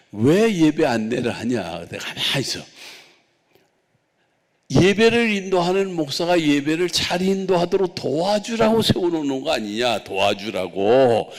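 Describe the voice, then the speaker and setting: Animated, gravelly Korean pastor preaching. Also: male voice, fairly high pitch, long reverb tail. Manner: animated storytelling, acting out dialogue. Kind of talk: sermon.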